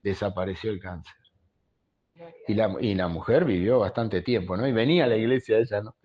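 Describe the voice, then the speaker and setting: A pastor from Uruguay preaches a storytelling sermon in a conversational style, often tagging his phrases with a questioning aside. His voice is on the low side and brisk, and the sound is lo-fi.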